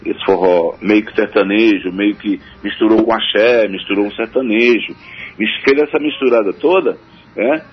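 This is a male forró singer from Northeast Brazil, guesting on the radio and giving rambling, hesitant answers crowded with fillers. His lowish voice is husky and his pace moderate, and the broadcast sounds dull with faint music behind it.

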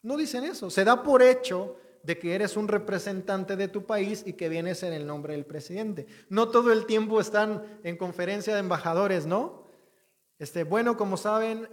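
A man preaching a sermon conversationally, acting out the voices he quotes. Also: high voice. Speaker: pastor. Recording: long hall reverb.

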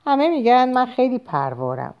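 A woman's voice: a little high, big pitch swings, darkish tone, clean tone, pitched above the performer's own voice. A woman reading a storybook aloud, voicing a carefree, easily anxious young woman who pleads in a raised voice. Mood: coaxing.

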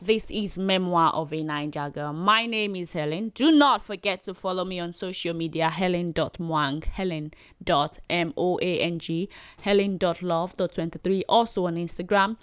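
A woman's voice: lowish voice, normal speed, a bit bright, clean tone, dry recording, studio quality. A young adult Nigerian woman hosting her own podcast, talking in a chatty, rambling way with fillers and little laughs. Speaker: podcast host. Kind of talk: solo podcast chat.

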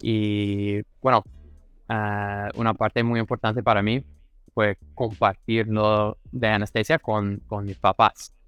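A man's voice: lowish voice, flat delivery, a bit bright, clear, resonant tone, no echo, soft background music. A young American man, a native English speaker, chatting as a podcast guest and searching for his words in careful Spanish. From Kansas City, Missouri, USA. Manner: measured, repeats words while searching for Spanish. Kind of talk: casual interview chat.

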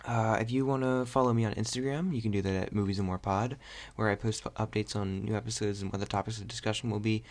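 A man's voice: lowish voice, steady tone, fast talker. A young man hosting a podcast in casual chat, rambling and hesitant with lots of fillers. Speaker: podcast host.

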